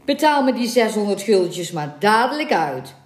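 A woman's voice: medium pitch, big pitch swings, normal speed, lightly acted. Woman reading a cool, mocking bandit leader in disguise, roomy echo. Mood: sly. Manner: sly, coolly mocking. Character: cunning male robber chief posing as villager. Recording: echoey room.

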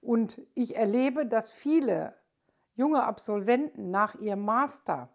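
An older woman, an architect hosting her own podcast, speaking in a thoughtful, hesitant way with many filler sounds. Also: on the high side. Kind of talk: casual monologue.

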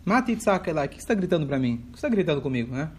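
A man teaching a lively text study class, acting out dialogue and mixing in Hebrew phrases. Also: on the high side, very fast. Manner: expressive, acts out dialogue, mixes in Hebrew phrases. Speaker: Torah teacher.

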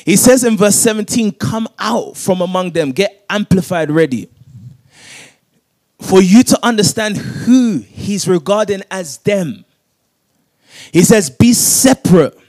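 High-voiced man preaching a sermon. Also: animated, unhurried, long pauses, darkish tone. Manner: preaching, repeats verses with rising emphasis. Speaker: pastor. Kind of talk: sermon with call-and-response scripture reading.

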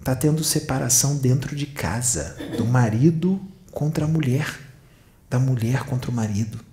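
A man's voice: mid-range voice, normal speed, warm tone. A man giving a channeled spiritual sermon, admonishing his listeners with rhetorical questions. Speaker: spiritual medium. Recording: echoey room.

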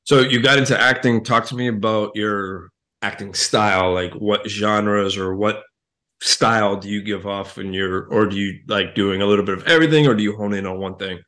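A man's voice: fairly low pitch, normal speed. A man hosting a podcast, chatting casually and friendly with his guest. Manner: relaxed, friendly, reads scripted intro and ad. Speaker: podcast host. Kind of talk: casual interview chat.

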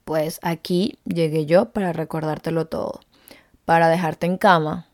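Podcast host, young woman, confiding storyteller, some vocal fry, dry close sound. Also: deep voice, steady tone, a little slow, a little mellow, no echo. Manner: chatty, confiding, emotional storytelling. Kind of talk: casual personal monologue.

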